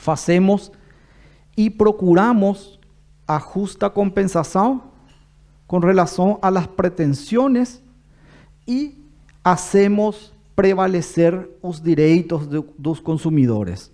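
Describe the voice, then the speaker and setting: A man's voice: high voice, takes it slowly, dark tone. A man with a Paraguayan Spanish accent, a native Spanish speaker, giving a formal public address as an official in a mix of Portuguese and Spanish. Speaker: government official giving a talk.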